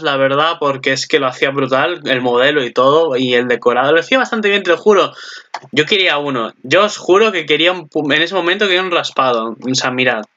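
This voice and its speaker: A young man talks through an anime episode in a loose, excitable ramble, swearing now and then and tripping over his own sentences. His voice sits a bit high and sounds bright and tense. The recording is dull and lo-fi. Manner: rambling, excitable, swears casually, frequent restarts. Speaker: anime commentator. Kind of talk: casual recap commentary.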